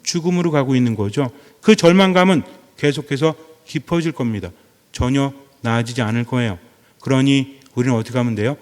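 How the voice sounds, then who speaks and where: Man preaching in a reverberant hall. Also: medium pitch. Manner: asks the congregation questions and repeats phrases for emphasis. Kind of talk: sermon.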